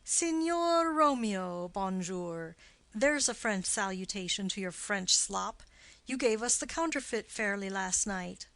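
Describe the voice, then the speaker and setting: A woman's voice: medium pitch, expressive, a little slow, gravelly, a bit bright, no echo. A woman voicing a witty, mocking young male nobleman in an audiobook play reading, with teasing, theatrical wordplay.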